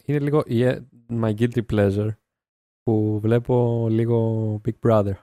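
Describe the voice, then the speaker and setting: A man's voice: medium pitch, steady tone, dark tone, no echo, studio quality. Laid-back man guesting on a podcast. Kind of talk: casual chat.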